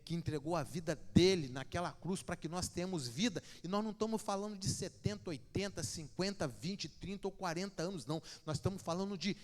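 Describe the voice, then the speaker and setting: A man from Brazil preaching a sermon in a church, telling stories with lively swings between loud and hushed. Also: high-pitched, fairly quick, few pauses. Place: church sanctuary. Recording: long church reverb.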